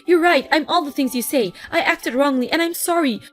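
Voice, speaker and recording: A woman's voice: high-pitched, a little fast, close to an everyday voice. A woman voicing a desperate, abusive sister-in-law who pleads and begs in a scripted story. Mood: begging. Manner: pleading, begging.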